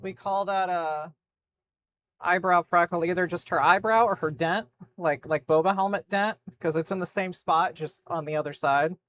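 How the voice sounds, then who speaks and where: A woman making props, chatting casually as she paints at her home workshop desk and slipping into high baby talk with her dogs. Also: fairly even intonation, moderate pace, fairly bright tone. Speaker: prop maker. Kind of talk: casual chat while painting. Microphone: phone used as webcam.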